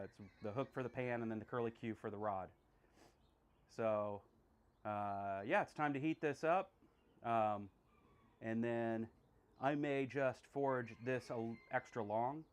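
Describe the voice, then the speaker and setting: Chatty blacksmith man thinking aloud. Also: medium pitch. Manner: chatty, self-deprecating, thinks aloud with many fillers. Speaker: blacksmith streamer. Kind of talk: casual talk while working. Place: blacksmith workshop.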